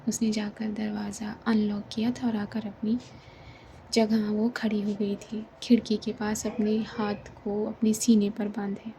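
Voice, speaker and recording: Hushed, breathy woman narrating a story. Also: mid-range voice, completely flat delivery, measured pace, slight background noise. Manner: soft, breathy, near-whispered delivery.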